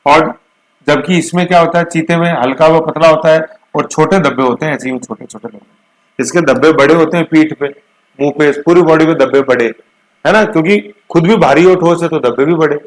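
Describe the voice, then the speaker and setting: A man's voice: on the high side, fairly quick, rough recording. A middle-aged man, teaching current affairs for exam prep in a chatty way, checking in often with his students. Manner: chatty, repeats checks like "theek hai na".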